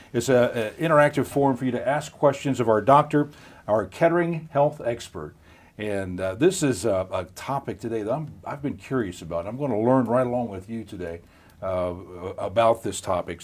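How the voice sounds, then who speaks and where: The host is a middle-aged man with a medium-pitched, a little mellow voice, running a live-streamed health interview. He chats in a folksy way, frequently starting over and laughing.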